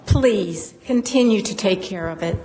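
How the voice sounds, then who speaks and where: A middle-aged woman gives a prepared statement at a public meeting. She sounds earnest and formal, with an average-pitched voice and a little noise behind her. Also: animated, unhurried, warm tone. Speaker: zoo employee speaking at council meeting. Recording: faint background noise.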